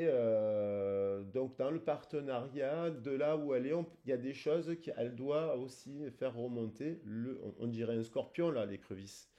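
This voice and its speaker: Hesitant man reading oracle cards, mellow tone. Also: mid-range voice. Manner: hesitant, many filler pauses, gentle advice. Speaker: tarot card reader. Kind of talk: casual spoken card reading.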